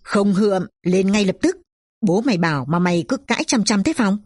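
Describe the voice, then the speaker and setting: A woman's voice: medium pitch, lively intonation, brisk, a little mellow, breathy edge, dry recording, clean studio sound. A woman voicing a drunken, angry, middle-aged poor father who scolds and curses his daughter. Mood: commanding.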